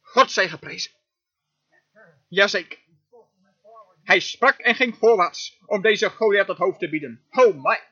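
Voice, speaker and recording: Guy with a really high bright voice doing an emphatic sermon voice-over, lots of amens. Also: expressive, unhurried, long pauses, lo-fi sound. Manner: emphatic preaching, frequent amens. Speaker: sermon interpreter.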